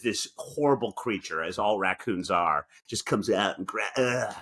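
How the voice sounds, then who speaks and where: A podcast co-host with a fairly low, slightly bright voice trades casual comedic banter on a talk show at normal speed. He reads aloud from articles and throws in theatrical, mock-indignant asides.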